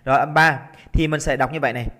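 A Vietnamese man teaching an English exam-prep lesson. He is lively and coaxing, drags out words slowly to show the stressed syllable, and keeps checking in with his students. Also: mid-range voice. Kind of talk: exam-prep lesson, explaining test answers. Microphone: computer recording while drawing on screen.

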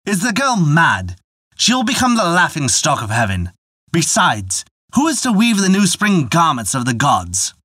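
Guy doing a grumpy old sky god dad, bossy, pitched up, dry close sound. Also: wildly swooping pitch, unhurried, pushed and bright, no room sound, exaggerated voice. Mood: angry. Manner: scolding, imperious. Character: stern angry old male sky god, father. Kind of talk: storybook narration.

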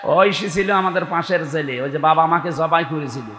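একজন বাংলাদেশি বাংলা উচ্চারণের পুরুষ ধর্মপ্রচারক, আবেগ নিয়ে ওয়াজ করছেন এবং আয়াত উদ্ধৃত করার সময় কণ্ঠ চড়িয়ে দেন।. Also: male voice, a little high, normal speed, background noise. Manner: impassioned, rising to shouts when quoting scripture. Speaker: preacher. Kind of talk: waz sermon. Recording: echoey hall with long reverb.

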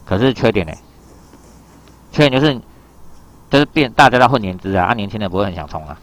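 Explaining an exam reading passage in a relaxed, conversational way, a Japanese teacher keeps checking that his students are following. His lowish voice is expressive, and his pace is quick.

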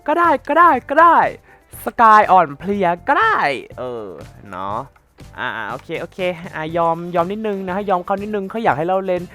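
Male gaming host, mid pitch, bright, animated, sarcastic play-by-play. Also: normal speed, soft background music. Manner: mock-formal, teasing and sarcastic, with lots of exclamations. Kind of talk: playful Minecraft gameplay commentary.

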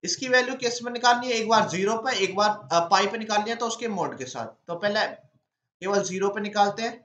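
Man explaining step by step, high voice. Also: fairly quick, sharp tone, reverberant. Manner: asks himself questions and answers them step by step. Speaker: teacher. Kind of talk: exam-prep lecture.

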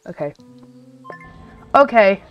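Another clip of the gaming video host, who has a cold that leaves her voice nasal and blocked. She speaks slowly, chatty and rambling, often interrupting herself as she comments on the gameplay. Faint music plays behind dull-sounding audio.

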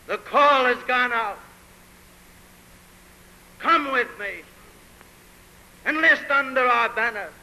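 A man's voice: very high voice, bright, forceful tone, rough recording. Man giving a speech on an old 1930s newsreel. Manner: slow, declamatory oratory. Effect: 1930s newsreel sound recording. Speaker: mayoral candidate. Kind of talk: campaign speech.

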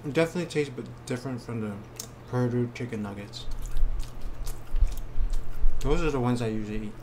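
A man in his thirties with an average-pitched voice gives a casual food review while eating. He speaks matter-of-factly between bites, recorded in a small room with slight background noise. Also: a little fast, darkish tone. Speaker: mukbang vlogger.

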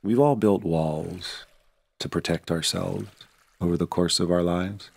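This guided meditation comes from a man whose very deep, somewhat creaky voice keeps a fairly even intonation. He speaks gently and without hurry, offering soothing instruction, and the sound is close and dry, lacking any room echo.

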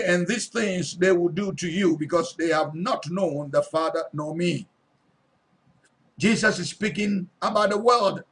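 A male pastor preaching a sermon, reading Bible verses aloud and then repeating and stressing them, often asking his listeners if they are listening. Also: high-pitched. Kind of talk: sermon teaching scripture.

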